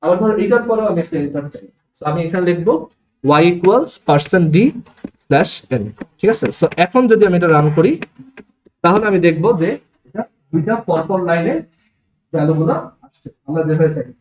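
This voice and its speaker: A man with a Bangladeshi Bengali accent lectures a room of students, walking them through each step and checking they follow. His voice sits high. The room is echoey and the recording sounds dull and lo-fi. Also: fast talker, a little mellow, a little hiss or hum. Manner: explains step by step, asks the class checking questions. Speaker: programming teacher. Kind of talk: classroom lecture. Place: classroom.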